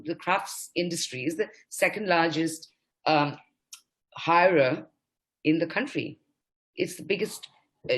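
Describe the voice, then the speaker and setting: Impassioned low-voiced woman panelist. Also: fairly bright tone. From India. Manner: impassioned, emphatic. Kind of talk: panel discussion.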